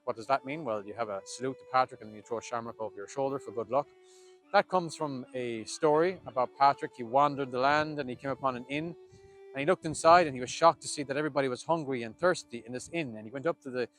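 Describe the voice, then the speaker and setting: Male, Irish accent, lilting storyteller presenting to camera, conversational and emphatic, medium pitch, music underneath. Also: a bit bright. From Ireland. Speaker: storyteller and video host.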